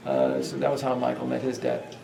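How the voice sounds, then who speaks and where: A man's voice: mid-range voice, monotone, fairly quick, vocal fry, recorded from a distance, background noise. A man guiding a ghost tour through a hotel, telling stories in a rambling way with many fillers and restarts. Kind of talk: guided tour storytelling. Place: hotel hallway. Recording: echoey hallway, voice off-mic.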